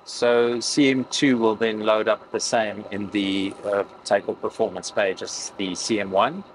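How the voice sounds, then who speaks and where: A man explaining a cockpit preparation as a pilot instructor, calmly going through each check in a cockpit. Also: lowish voice, a little slow, slight background noise, poor audio. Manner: calm, explains each step plainly. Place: aircraft cockpit.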